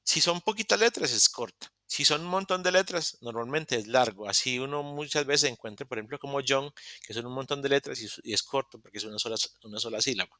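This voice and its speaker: A male teacher speaks into a video call with a bright, forward tone and a close, completely dry sound. He explains patiently, breaks off and corrects himself mid-sentence, then carries on. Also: medium pitch, brisk, no room sound. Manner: explains step by step with many restarts and self-corrections. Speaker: English teacher. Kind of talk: live online class explanation.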